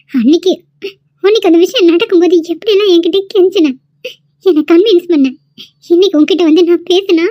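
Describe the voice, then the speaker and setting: A woman's voice: extremely high pitch, dry recording, muffled recording. A woman voicing a frightened, tearful young female college student in a cartoon, pleading and accusing. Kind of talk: cartoon voice acting.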